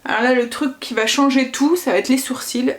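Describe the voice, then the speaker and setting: A woman with a somewhat high voice talks casually to her viewers as she does her makeup. She narrates every small step aloud and peppers it with quick little exclamations. She often stops and restarts her sentences. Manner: chatty, narrates each step with little interjections; self-correcting, trails off and restarts often. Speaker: family vlogger and mother. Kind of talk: casual makeup tutorial chat.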